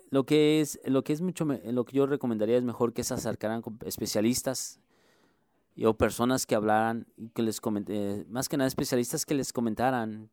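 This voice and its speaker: On the low side, mellow and smooth, the voice belongs to a Mexico City musician and music instructor with a Mexico City Spanish accent. He responds to radio interview questions in an earnest, stumbling way, frequently circling back to rephrase, recorded in studio quality with no room sound.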